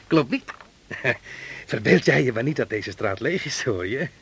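A man's voice: mid-range voice, expressive, slow pace, fairly bright tone, slightly rough, full character voice. An actor playing a blustering male police sergeant who turns panicky, in a radio play. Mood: mocking. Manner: mocking and theatrical, then panicky.

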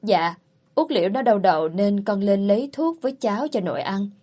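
A woman voicing a naive, eager young rural wife who speaks softly and politely in a storybook reading. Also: medium pitch, expressive, normal speed, lightly acted.

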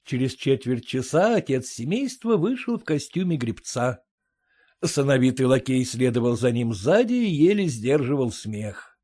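A man narrating a classic prose story in a measured storytelling manner. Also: medium pitch, big pitch swings, warm tone. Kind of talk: audiobook reading of classic prose.

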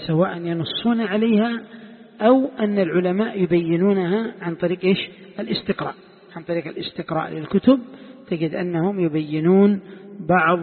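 A sheikh teaching a classroom lesson, quizzing his students and slowly repeating the key points. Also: on the high side, husky. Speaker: sheikh teaching Quran commentary. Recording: echoey hall, tinny phone-like sound.

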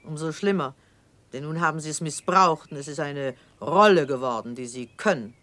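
In a German radio drama, an older actress plays a severe, devout old aristocrat, speaking in a haughty, grave, theatrical way with a scornful mood. Her voice sits low but sounds fairly bright, at a moderate pace, with no echo.

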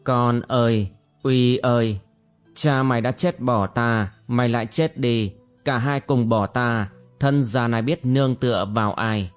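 A man's voice: medium pitch, fairly even intonation, measured pace, clear, resonant tone, soft background music, lightly acted. A man voicing a frantic, grieving old mother who wails and laments over her son in a storybook reading. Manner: wailing, lamenting.

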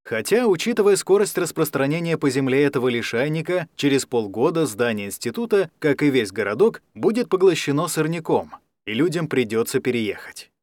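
A man's voice: on the high side, animated, brisk, few pauses, dry recording. Male audiobook narrator, dry close sound. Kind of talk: scripted narration of a science fiction story.

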